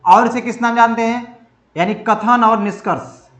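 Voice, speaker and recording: Recorded in an echoey room, a man with a very high-pitched, fairly bright voice and fairly even intonation teaches reasoning for competitive exams at a moderate pace. He repeatedly asks his own questions and answers them, emphatic and repetitive.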